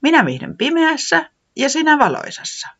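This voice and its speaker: A storyteller voicing a cheerful weather gnome who loves winter and dark days, in a children's storybook reading. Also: sits high, huge pitch swings, dull audio, pitched above the performer's own voice, full character voice. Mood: enthusiastic. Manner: eager, enthusiastic.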